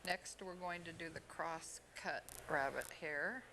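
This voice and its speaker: A woman from Oregon giving an unhurried step-by-step fly tying demonstration at an expo. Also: low voice, noisy background. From Oregon, USA. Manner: unhurried, plain instructional talk with pauses. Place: expo hall.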